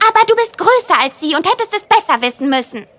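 A woman voicing a gentle but firm young pony with an earnest, cute manner in a children's cartoon audio play. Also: extremely high pitch, big pitch swings, quick pace, exaggerated voice. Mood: apologetic, firm. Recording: music underneath.

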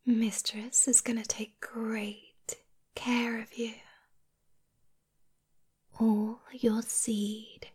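Teasing possessive succubus played by a woman, soft close whisper, slightly high, very slow. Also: little pitch movement, exaggerated voice. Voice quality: breathy. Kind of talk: whispered ASMR roleplay.

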